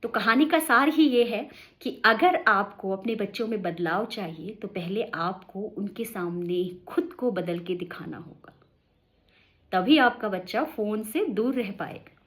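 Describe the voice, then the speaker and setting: A woman's voice: medium pitch, expressive, unhurried, fairly bright tone. A woman telling a short moral story in a casual, conversational way, speaking directly to her listeners.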